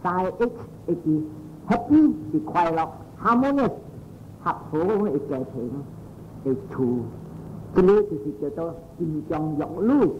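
A Buddhist monk gives a storytelling dharma talk in a high voice. He repeats phrases in pairs and drops English phrases into his speech. The recording is dull and muffled, with a faint hiss and a low rumble behind him. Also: lively intonation, measured pace, dark tone.

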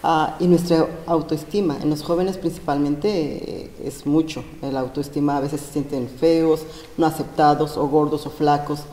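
A woman from Mexico, a panel guest explaining depression, hesitant with many pauses. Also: sits low, fairly even intonation, dark tone. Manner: hesitant, many fillers and restarts. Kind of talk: explaining a health topic. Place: large school gym. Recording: roomy echo, long gym reverb.

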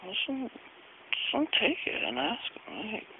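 Guy sleep talking, mumbly n childlike, pitch jumps around, tinny hissy recording. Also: very animated, unhurried. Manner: drowsy mumbling in short, childlike, often half-whispered answers. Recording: noisy, hissy, tinny phone-like home recording.

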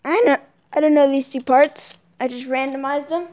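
High-voiced woman vlogging in echoey room. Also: moderate pace. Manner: excitable, with yelps and self-corrections. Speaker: toy battle vlogger. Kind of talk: casual commentary on toy battles.

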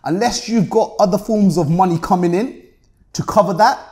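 A man's voice: sits high, moderate pace, a little mellow. A man in his thirties from Luton with a British urban roadman accent, talking casually in slangy, street-tough style as a podcast interview guest. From Luton, England. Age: 30s. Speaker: interview guest, car rental business owner. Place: indoor meeting room at a table.

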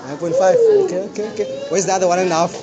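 A man's voice: sits high, huge pitch swings, lo-fi sound. A young man with a South African accent, interviewing people on a street at night. He talks with a handheld mic, is playful and says "okay, okay" over and over. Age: young adult. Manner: fast, repeats "okay, okay" often, playful. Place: busy street at night, outdoors. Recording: street crowd noise behind.

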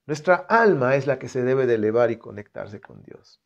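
A man's voice: medium pitch, expressive, moderate pace, gravelly, lo-fi sound. A man leading a live-streamed Bible reflection, reading scripture aloud and talking to viewers in an earnest, conversational way. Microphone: computer setup.

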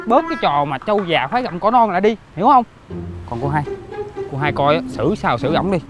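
A man's voice: on the high side, big pitch swings, a little fast. A man playing a dramatic, exasperated nephew. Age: 30s. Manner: dramatic, exclaiming, mock-shocked. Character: outspoken nephew scolding his uncle. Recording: music bed behind.

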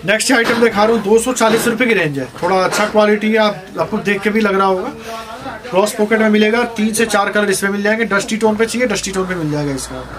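A man who owns a jeans shop, giving a sales pitch and listing prices, fabrics and sizes as he shows each item. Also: fast talker, a crowd in the background. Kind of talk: sales pitch showing products. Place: garment shop.

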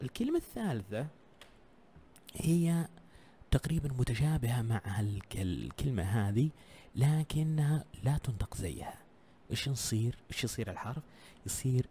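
Lively-voiced male teacher. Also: medium pitch, a little hiss or hum. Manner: drills sounds by repeating them, checks in often with the learners. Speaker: English teacher. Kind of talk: online pronunciation lesson.

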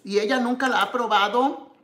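Woman, from Mexico, live cooking host, chatty, humming while tasting, bright voice, slightly high, echoey kitchen, cutlery clatter. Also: steady tone, moderate pace, a little hiss or hum. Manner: chatty, savoring food with hums, greets viewers by name. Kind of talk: live-stream cooking chat, tasting food.

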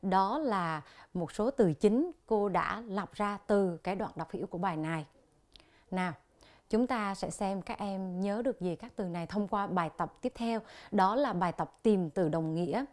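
Speaking at a medium pitch, a Vietnamese woman presents an English lesson on TV, carefully drilling English word pronunciation at a slow pace in her Vietnamese accent.

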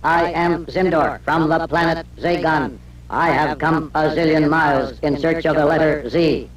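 A robotic echoing space alien. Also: male voice, fairly high pitch, fairly even intonation, measured pace. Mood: solemn. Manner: formal, stiff, grand declarations. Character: solemn male alien visitor from another planet. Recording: echoey and distant game audio.

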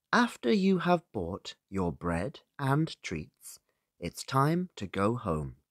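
In clean studio audio with no room sound, a man with a fairly low voice and a British accent reads a scripted listening exercise for beginners. Acting as an English teacher, he keeps his phrases simple and spaced apart for learners.

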